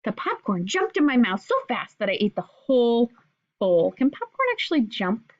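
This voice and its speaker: A woman teaching figurative language to children, asking questions and sounding words out slowly in an encouraging way. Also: fairly high pitch, sing-song, darkish tone. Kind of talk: explaining lesson to children. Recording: dull lo-fi recording.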